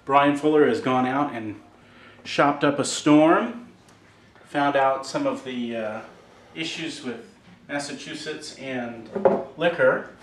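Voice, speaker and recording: A man's voice: mid-range voice, slow. A man narrating a casual tour from behind the camera, talking up each thing with playful grandness. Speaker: vlog narrator filming. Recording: roomy, off-mic, faint noise.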